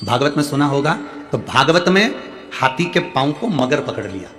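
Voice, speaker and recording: At a big outdoor stadium gathering, a male preacher from central India delivers a devotional sermon to a live audience through a stage mic while faint music plays. His medium-pitched voice is fairly bright, with lively intonation and a moderate pace. Drawing on homely examples, he replies to letters from listeners and presses the crowd to call back.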